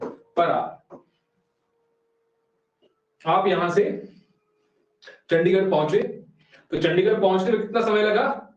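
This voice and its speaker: A man teaching an online exam-prep class, explaining step by step, often quizzing students, and reading English definitions out very slowly. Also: high voice. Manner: explains step by step, keeps asking students questions. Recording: very echoey room, voice from far off, dull sound.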